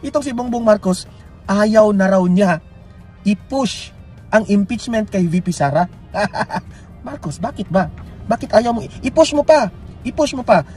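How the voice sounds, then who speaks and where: A man's voice: high voice, a little mellow. A Filipino man giving heated, mocking political commentary as a news vlogger, urging viewers to like and share. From Philippines.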